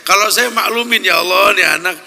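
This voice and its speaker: A man's voice: high voice, a little fast, vocal fry, sharp tone, big-room sound. A man with a Betawi accent preaching a sermon, telling homely anecdotes with frequent laughs and then pleading with his listeners. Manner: chatty anecdotes with frequent laughs, building to impassioned exhortation. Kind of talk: storytelling sermon.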